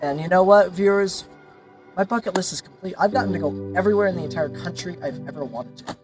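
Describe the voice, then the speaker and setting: A man chatting casually in a vlog, excited and choked up, stammering and repeating himself. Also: high voice, fast talker, music in the background. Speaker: vlogger.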